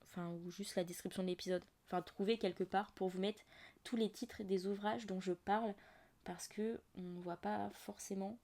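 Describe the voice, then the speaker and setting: A young woman hosts a laid-back book podcast in a medium-pitched voice. She rambles warmly through asides and fillers. It sounds like a simple home podcast recording. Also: steady tone, moderate pace. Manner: chatty, many fillers and asides. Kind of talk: casual book chat. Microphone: audio-only podcast mic.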